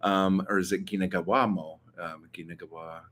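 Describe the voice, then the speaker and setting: The vlogger, a young man with a Southern California accent, talks at normal speed in a low, fairly bright voice with fairly even intonation. He responds to viewer questions in a loose, rambling way, dropping ums, likes and the odd swear word over a little hiss or hum.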